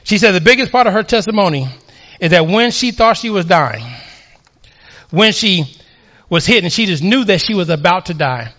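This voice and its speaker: A man's voice: sits high, animated, normal speed, pauses often, a bit bright. A man preaching a sermon with personal testimony, telling his story with fervor that builds in volume. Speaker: pastor.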